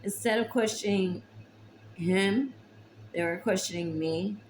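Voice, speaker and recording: A young woman talking to camera about her hardships, emotional and tearful, halting with long pauses. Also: mid-range voice, darkish tone, slight background noise, poor audio. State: tearful, recently crying. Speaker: vlogger. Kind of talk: personal confessional talk to camera.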